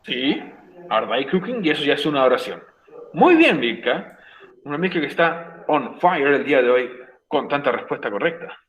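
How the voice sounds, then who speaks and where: A man with a Chilean Spanish accent teaches an online English class over a computer mic. His voice sits a bit high for a man, he stresses and repeats each rule, and keeps checking in with his students. The sound is roomy and echoey. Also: sing-song, moderate pace, a bit bright, highs cut off. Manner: repeats points, emphatic, checks in with "ok?".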